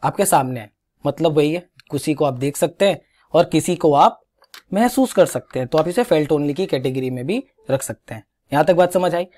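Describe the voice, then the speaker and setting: Speaking at an ordinary pace with a slightly high voice, a young Indian English teacher leads a grammar lesson for exam preparation. Lively and encouraging, he has the class repeat after him and corrects their pronunciation with repeated drills.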